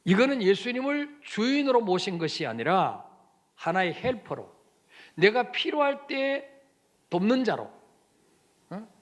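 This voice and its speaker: Lively, high-voiced preaching pastor. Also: male voice, a little slow, long pauses. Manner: lively preaching, asks the congregation questions, acts out quoted lines. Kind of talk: sermon.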